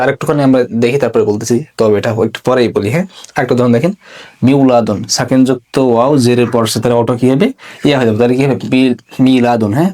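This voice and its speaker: A male teacher giving an online grammar lesson, asking questions and answering them himself, repeating example words slowly. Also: mid-range voice, darkish tone. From Bangladesh.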